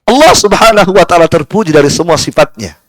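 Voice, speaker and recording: A male preacher with a fairly high voice leads a live study session in a prayer room, firing rhetorical questions at his listeners and answering them himself. Now and then he slows into a chanted Arabic recitation. The sound is close and dry, with almost no room echo. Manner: lively and rhetorical, keeps asking the room "kenapa?" and answering himself. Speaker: ustadz teaching Quran exegesis. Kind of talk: live sermon-style study class.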